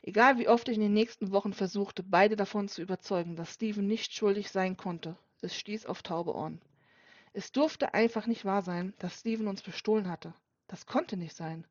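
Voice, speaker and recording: Woman narrator, calm subdued audiobook reading, dry dead sound, slightly muffled. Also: medium pitch, moderate pace, no room sound. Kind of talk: scripted first-person narration. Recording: dull dry lo-fi recording.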